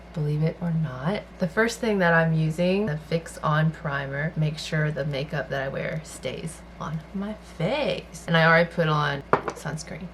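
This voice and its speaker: A woman's voice: lowish voice, a little hiss or hum. A young woman vlogger, born in China and raised in the American South, chatting casually about her life while doing her makeup. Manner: soft-spoken, personal storytelling while doing makeup. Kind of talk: casual get-ready-with-me chat.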